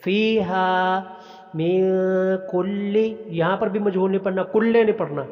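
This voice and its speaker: A man with a Pakistani accent teaching Quran recitation, explaining pronunciation rules and chanting the verses in a drawn-out melodic style. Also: high voice, in a large hall, dull audio, soft background music.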